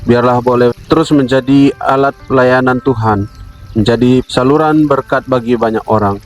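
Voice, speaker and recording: A man's voice: mid-range voice, fairly even intonation, faint music behind, low-quality recording. Solemn man leading a devotional. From Indonesia. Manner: solemn, measured, addresses listeners as brother. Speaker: devotional speaker.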